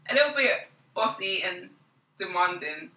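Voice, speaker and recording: Middle-aged mum, echoey and distant. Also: female voice, fairly low pitch, moderate pace. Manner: hesitant, laughs, animated retelling. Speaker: guest, host's mother. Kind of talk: casual chat. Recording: echoey, a bit far from the mic.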